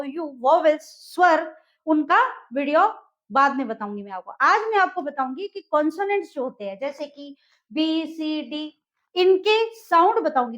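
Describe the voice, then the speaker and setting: A woman teaching an English lesson, explaining letter sounds patiently and repeating herself, often asking "clear?". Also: high voice, dull audio. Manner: patient, repetitive, checks in with "clear?". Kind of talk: classroom-style lesson.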